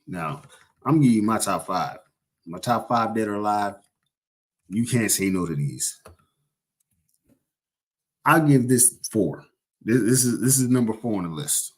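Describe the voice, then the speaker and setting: A fairly low-pitched young man talks casually to viewers on a livestream. He rambles, jokes and corrects himself as he goes. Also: lively intonation, unhurried, long pauses, slightly rough. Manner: rambling, self-correcting, joking. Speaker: livestream host.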